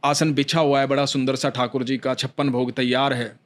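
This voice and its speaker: A man telling a devotional story, animated, sinking low and quiet in sad moments. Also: moderate pace.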